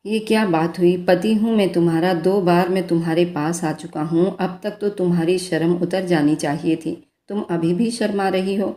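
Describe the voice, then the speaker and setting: A man's voice: high-pitched, steady tone, moderate pace, hardly any pauses, mellow, lightly acted. A woman voicing a teasing, affectionate young husband in a romantic spoken story, coaxing and playful. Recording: roomy echo.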